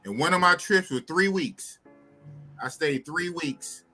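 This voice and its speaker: High-voiced fifty-something man, bright and slangy. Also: unhurried, soft background music. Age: 50s. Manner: loose, repetitive, slangy questioning. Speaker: host. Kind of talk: casual chat.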